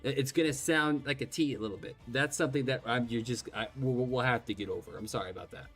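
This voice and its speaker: A man with a slight lisp, Gaelic his first language, rambles casually over faint game music as he streams, poking fun at himself and swearing now and then. His mid-range voice is fast and a bit bright.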